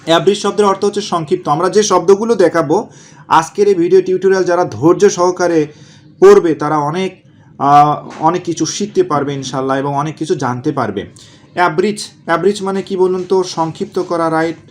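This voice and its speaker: A man teaching exam vocabulary, asking questions and answering them himself, repeating key words slowly. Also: fairly high pitch, a little hiss or hum. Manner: asks and answers his own questions, drills words slowly. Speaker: exam prep tutor. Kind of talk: vocabulary lesson.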